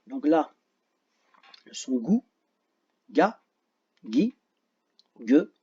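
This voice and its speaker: A man with a French accent teaching a phonics lesson to children, slow and patient, repeating each word carefully and joking about his own memory. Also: a little high, big pitch swings, mellow, husky, dull audio.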